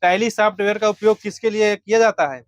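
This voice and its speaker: A man teaching a class, firing quiz questions at students and briskly confirming or correcting their answers. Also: high-pitched, steady tone.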